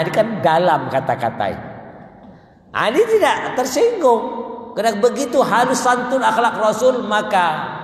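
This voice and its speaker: A man preaching a mosque lecture, telling stories in an animated way and acting out the voices he quotes. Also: medium pitch. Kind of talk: mosque lecture on marriage law. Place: mosque hall. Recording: echoey mosque hall.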